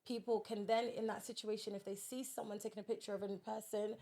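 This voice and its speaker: A woman's voice: medium pitch, level tone, quick pace, dark tone. A woman, a podcast guest, telling a personal story in a direct, earnest way in casual conversation.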